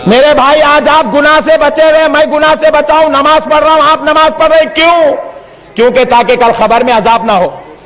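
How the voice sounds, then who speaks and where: A male preacher, telling stories in an animated sermon and often shouting to the congregation. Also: very high-pitched, normal speed. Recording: long hall reverb.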